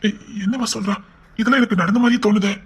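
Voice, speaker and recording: A man's voice: high-pitched, fairly even intonation, quick pace, slightly rough. A man voicing a fond, protective father who is troubled by headaches and lost memories. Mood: tender protective. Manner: fond and protective, speaking with strain. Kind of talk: Tamil audio drama acting.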